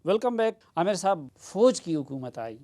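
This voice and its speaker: A man's voice: high-pitched, very animated, mellow. Man interviewer asking pointed questions. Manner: pressing, challenging questions. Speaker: TV interviewer and host.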